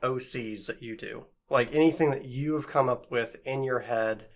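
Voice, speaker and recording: A man hosting a podcast, asking relaxed questions with some hesitations and fillers. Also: medium pitch, moderate pace. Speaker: podcast host. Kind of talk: interview questions.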